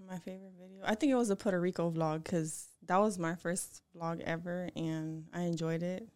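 Soft-spoken young woman, lowish voice. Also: steady tone, normal speed, dry recording, studio quality. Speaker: guest, YouTuber. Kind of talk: casual podcast interview.

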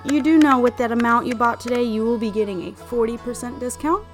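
A woman's voice: a little high, fairly quick, soft background music, lightly acted. A woman voicing a confident, teasing store clerk who flirts openly. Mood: flirty. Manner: teasing, forward.

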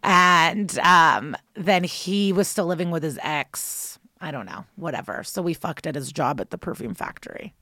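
A woman's voice: low-pitched, normal speed, hardly any pauses, pushed and bright, dry recording, clean studio sound. A woman co-hosting a podcast, talking candidly and loosely with lots of "like" and "um". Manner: candid, chatty, full of fillers. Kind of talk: casual chat.

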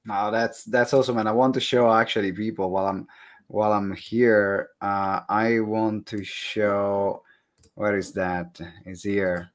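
Male podcast host, Italian accent, conversational, lively emphasis. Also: lowish voice, a little slow. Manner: animated, laughs easily, emphatic repetitions. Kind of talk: conversational interview.

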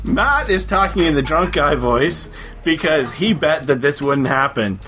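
A man co-hosting a podcast in casual chat, chatty and quick to laugh, with many ums and uhs. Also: on the high side, animated, fairly bright tone, faint music behind. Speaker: podcast co-host.

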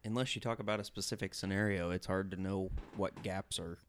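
A man chatting on a podcast in a dry, matter-of-fact way. His voice is very deep, with faint noise in the background. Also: fairly even intonation, brisk. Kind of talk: casual chat.

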